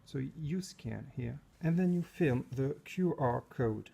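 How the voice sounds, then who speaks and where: A science teacher from France chats animatedly but slowly to camera in his school lab, his medium-pitched voice gravelly and warm with a breathy edge. He often gropes for English words and corrects himself in this casual vlog.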